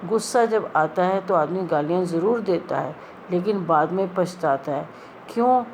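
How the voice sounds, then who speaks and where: A woman's voice: lowish voice, animated, moderate pace, darkish tone, a little hiss or hum, poor audio. A middle-aged woman earnestly retelling a spiritual experience, pleading as she quotes the people in it. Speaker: devotee sharing a spiritual experience. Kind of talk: storytelling testimony.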